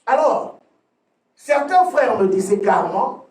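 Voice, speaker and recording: A man pastor delivering a sermon, preaching emphatically with sudden swings from loud to soft and often repeating words as he restarts a phrase. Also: extremely high pitch, animated, takes it slowly, far from the mic. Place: church hall. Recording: echoey room, voice from off the mic.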